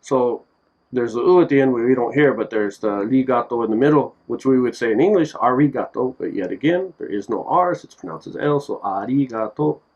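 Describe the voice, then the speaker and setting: A man talks through a relaxed, homemade phrase lesson at an everyday pitch. He jokes between examples and says each word again and again so the listener can copy it. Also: fast talker, lo-fi sound. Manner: relaxed, joking, repeats words to drill them. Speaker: language teacher. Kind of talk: casual language lesson. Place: Japan.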